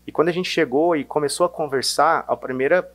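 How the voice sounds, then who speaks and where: A man from Minas Gerais with a softened Mineiro accent, talking casually as a sales guest, hesitant with many restarts and fillers. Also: fairly high pitch, fairly quick. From Minas Gerais, Brazil. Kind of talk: casual interview chat.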